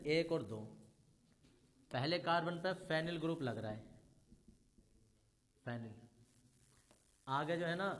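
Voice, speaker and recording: A man teaching a chemistry class, explaining step by step and speaking directly to his students. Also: on the high side. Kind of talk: classroom lecture.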